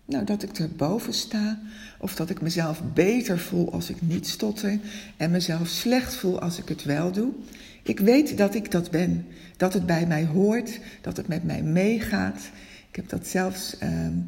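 A woman coach talks through a personal, reflective monologue in a gentle, open way. Her voice has a gravelly fry, and now and then she stutters on a word or swaps in another one. The recording has a long, lingering reverb. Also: fairly low pitch. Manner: stutters now and then, searches for other words, speaks gently and openly. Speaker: coach and podcast host.

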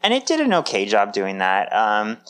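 Brief: male podcast co-host, lowish voice, casual, easily amused. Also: moderate pace. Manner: laughs often, animated bursts of excitement. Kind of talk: casual chat.

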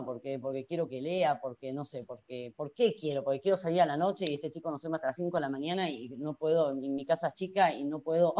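She has a warm, fairly low-pitched voice and a Rioplatense Spanish accent. As the psychologist guest in a radio interview, she explores her answers through rhetorical questions of her own.

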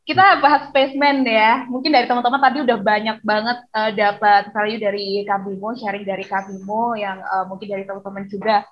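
A woman hosting an interview, asking questions in a relaxed, friendly, casual way. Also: mid-range voice, fairly quick. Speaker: interview host. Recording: dull lo-fi sound.

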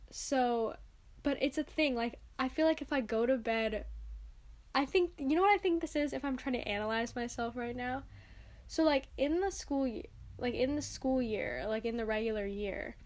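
A young woman with a slightly high, stuffy-nosed voice hosts a casual solo podcast. She sounds tired and congested. Her talk is informal and rambling, with plenty of emphasis. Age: young adult. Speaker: podcast host.

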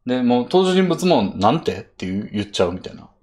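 A man's voice: medium pitch, very animated, fast, a little mellow. A man with a Kansai accent hosting a casual chat podcast, enthusiastic and laughing often. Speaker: podcast host.

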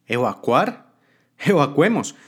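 A man's voice: on the high side, very animated, takes it slowly, a bit bright, slightly rough, pitched above the performer's own voice, exaggerated voice. A man voicing a frightened, captive woman adviser who protests and pleads, in a dramatic spoken story. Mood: pleading. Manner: pleading, indignant.

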